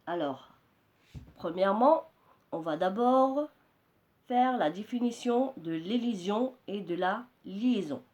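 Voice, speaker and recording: A woman teacher slowly explaining pronunciation rules to her students, repeating key words. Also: medium pitch, lively intonation, darkish tone. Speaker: French teacher. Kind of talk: slow classroom explanation.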